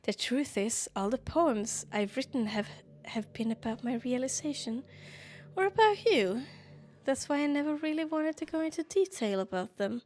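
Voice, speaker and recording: A woman reading aloud as a lovestruck, self-aware teenage game girl, soft and earnest in her devotion. The voice sits a little high and stays tender throughout. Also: expressive, normal speed. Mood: affectionate.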